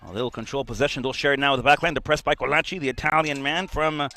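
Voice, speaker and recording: A man's voice: medium pitch, racing, sharp tone. A man giving live play-by-play commentary on a soccer match for a stream.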